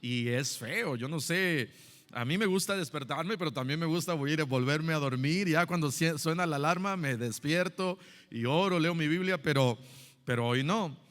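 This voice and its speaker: A middle-aged man preaches a Sunday school lesson, his voice sitting a little high. He talks loosely, with stories, fillers and restarts. The long church-hall reverb trails behind every phrase. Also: normal speed, a bit bright. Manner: conversational storytelling with many fillers and restarts. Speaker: pastor.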